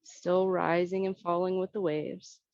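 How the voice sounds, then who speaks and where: A woman instructor giving serene, soothing tai chi cues, gently guiding movement and breath in an unhurried way. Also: fairly low pitch, little pitch movement, dry recording, highs cut off.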